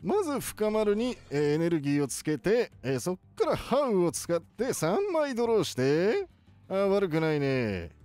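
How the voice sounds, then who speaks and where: A man voicing an excitable elderly cartoon professor, giving playful video game commentary with drawn-out words. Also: high-pitched, soft background music. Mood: cheerful, explaining. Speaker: gaming video host.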